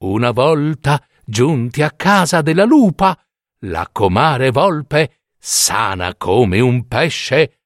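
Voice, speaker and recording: A man narrating a fairy tale in a slow, dramatic, expressive way. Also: medium pitch, dry recording, studio quality. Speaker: storyteller.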